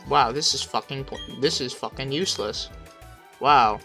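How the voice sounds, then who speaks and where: A man streaming a game, thinking aloud, swearing constantly, second-guessing himself and bursting into loud excited shouts. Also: medium pitch, moderate pace, soft background music. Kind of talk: casual gameplay commentary.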